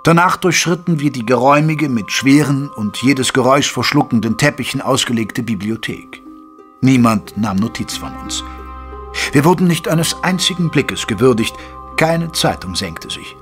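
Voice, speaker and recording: Actor as measured storyteller Doctor Watson, music behind. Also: male voice, medium pitch, lively intonation, fairly bright tone, lightly acted. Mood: composed, descriptive. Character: gentleman doctor recounting his detective friend's cases. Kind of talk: scripted first-person radio play narration.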